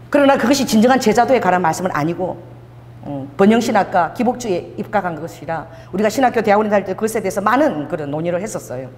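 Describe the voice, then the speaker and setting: A woman pastor whose voice is mid-range and darkish delivers a sermon in a church sanctuary where the sound echoes around the hall. Her storytelling is lively, full of frequent laughter and dialogue she performs herself.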